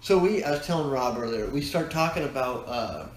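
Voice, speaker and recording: A man's voice: mid-range voice, lively intonation, brisk. A man, co-hosting a podcast, telling a long, rambling story in casual chat with many restarts. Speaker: podcast co-host. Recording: echoey room, faint noise.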